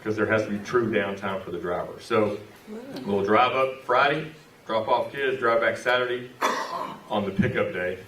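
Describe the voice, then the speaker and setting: A man's voice: lowish voice, moderate pace, fairly bright tone, a little hiss or hum. A man giving a folksy, joking talk to a club meeting. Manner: folksy and joking, with Texas slang like y'all. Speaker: visiting speaker at a club meeting. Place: meeting room at a club lunch. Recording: echoey room from far off.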